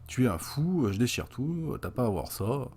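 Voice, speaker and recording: A man's voice: mid-range voice, very animated, normal speed, darkish tone, slight background noise, voice pushed up. A man quoting a distraught mother who confronts her son, in a pleading, bewildered manner.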